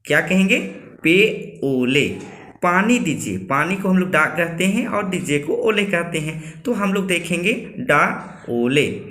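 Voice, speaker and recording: A man teaching a spoken language lesson, slowly and patiently repeating words and asking listeners to say them after him. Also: fairly high pitch, fairly bright tone, echoey room. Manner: slow, careful, patient, repeating words for learners.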